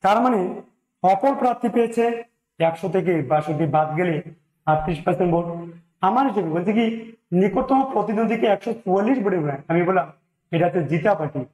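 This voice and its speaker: A man's voice: sits high, animated, fast talker, a little mellow, roomy sound, low-quality recording. A man teaching an exam-prep maths lesson, talking through each sum step by step, with a Bengali accent and English numbers mixed in.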